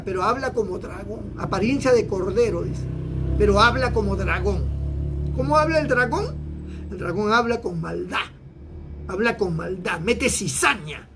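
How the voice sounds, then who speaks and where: A male pastor from Peru delivering an emphatic sermon, his pitch rising suddenly for emphasis. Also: a bit bright, slight background noise.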